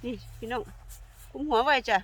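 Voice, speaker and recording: Older Isan-accented Thai woman, vlogger, fairly high voice, chatty and friendly with viewers, recorded outdoors in woods. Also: fairly even intonation, normal speed, breathy edge. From Thailand. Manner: chatty, warmly addresses viewers as kin, sweet polite endings. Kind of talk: casual narrating vlog while foraging. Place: forest outdoors.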